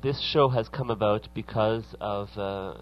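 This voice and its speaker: A man hosting a radio interview, speaking haltingly with many fillers. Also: lowish voice, dull audio, soft background music. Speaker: radio show host.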